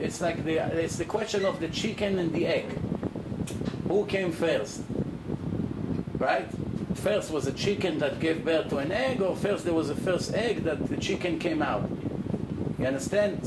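A rabbi from Israel giving an animated Torah class, acting out the people he quotes and asking rhetorical questions. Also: fairly high pitch. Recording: roomy, far off, loud air conditioning hum.

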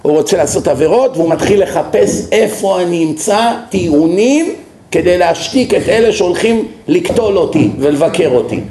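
A man's voice: sits high, echoey room, a little hiss or hum. A man lecturing as a rabbi, telling stories and asking rhetorical questions to his listeners. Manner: animated storytelling with rhetorical questions. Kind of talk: religious lecture.

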